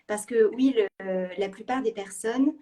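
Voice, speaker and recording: A woman's voice: fairly high pitch, unhurried, warm tone. A woman hosting a live video conversation, encouraging and a bit hesitant, with frequent fillers as she asks questions. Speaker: host.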